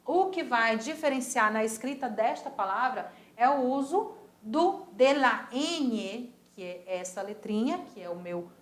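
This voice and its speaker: A woman's voice: on the high side, roomy sound. Patient Brazilian woman teaching Spanish. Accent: Brazilian Portuguese. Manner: patient, models pronunciation by repeating words slowly. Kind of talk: recorded school lesson.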